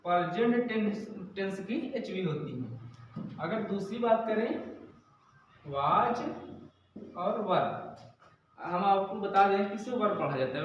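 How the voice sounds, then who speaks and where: A man's voice: sits high, a little hiss or hum. A man teaching an English grammar lesson in a classroom, explaining step by step and answering his own questions. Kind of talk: classroom lecture. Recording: echoey dull room sound from a distance.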